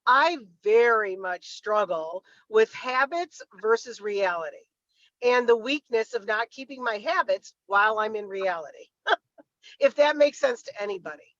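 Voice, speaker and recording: A woman's voice: on the high side, animated, measured pace, fairly bright tone, dry recording, highs cut off. A woman on a video call, talking through a car speakerphone while driving, in a chatty and eager way. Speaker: group member. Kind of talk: casual group chat.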